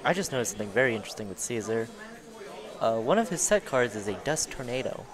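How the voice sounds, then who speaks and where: A man's voice: mid-range voice, very animated, fast talker, a crowd in the background. A man doing casual live commentary on a card game match, chatty, laughing often and swearing casually. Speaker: tournament commentator. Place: busy card tournament venue.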